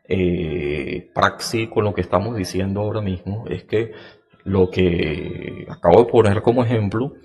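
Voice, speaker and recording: Male podcast host, low-ish voice, very slow deliberate explainer with frequent fillers. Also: darkish tone. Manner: acts out example phrases in a raised, sing-song pitch.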